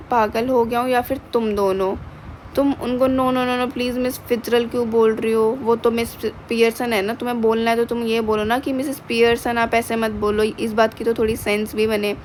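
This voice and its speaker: A woman's voice: a little high, slight background noise, poor audio. A woman teacher explaining a play to students, reading English lines and explaining them in Hindi.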